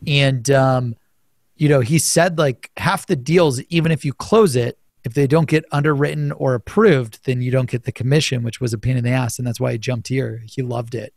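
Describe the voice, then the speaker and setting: A man's voice: medium pitch, normal speed, darkish tone, dry recording, studio quality. A young man hosting an interview, reacting with casual enthusiasm and a bit of swearing. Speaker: podcast host.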